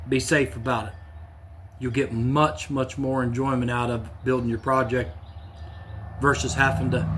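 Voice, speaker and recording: A man's voice: on the high side, slight background noise. A man hosting a woodworking channel, casually demonstrating in his home shop in a plainspoken, repetitive way. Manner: plainspoken, repeats himself, relaxed restarts.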